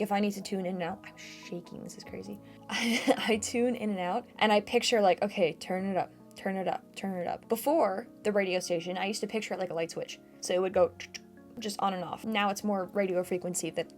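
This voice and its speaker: Woman host, casual Q&A chat, loose and giggly, soft music underneath. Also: mid-range voice. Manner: chatty, laughs often, restarts and repeats herself. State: shivering from cold. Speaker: channel host answering viewer questions.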